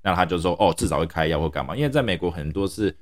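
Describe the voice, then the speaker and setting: A man from Taiwan chatting casually on a podcast in an animated way, slipping English phrases into his talk. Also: low voice, very fast. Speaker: podcast co-host. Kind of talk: casual chat.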